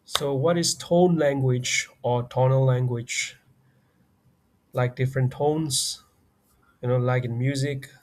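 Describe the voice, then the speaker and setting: Slow Burmese-accented man tutoring. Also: medium pitch, darkish tone. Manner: slow and deliberate, repeating example phrases twice. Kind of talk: beginner language lesson.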